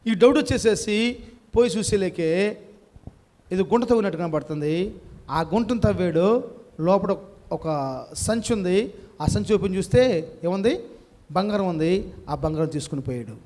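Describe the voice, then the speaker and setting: A man's voice: high-pitched, expressive, unhurried, pauses often, dark tone. A male preacher, telling a parable in a sermon and putting questions to the congregation.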